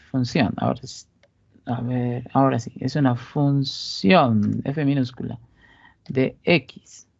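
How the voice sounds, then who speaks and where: Gravelly-voiced Bolivian man teaching statistics. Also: mid-range voice, no room sound, dull audio. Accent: Bolivian Spanish (Cochabamba). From Cochabamba, Bolivia. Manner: explanatory, asks rhetorical questions, frequent "¿listo?" check-ins. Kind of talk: recorded statistics lecture.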